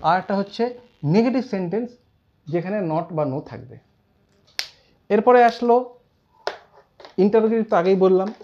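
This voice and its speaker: English teacher guy, fairly high voice, dull lo-fi sound, repeats stuff slowly. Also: lively intonation, a little mellow. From India. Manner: explains slowly, repeats terms, quotes example sentences. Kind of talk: classroom grammar lesson.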